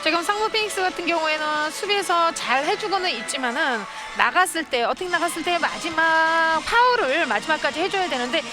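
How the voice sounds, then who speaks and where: A woman with a high voice provides live color commentary on a handball game. She sounds explanatory and tactical, breaking down plays as the analyst. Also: expressive, brisk, few pauses, music in the background.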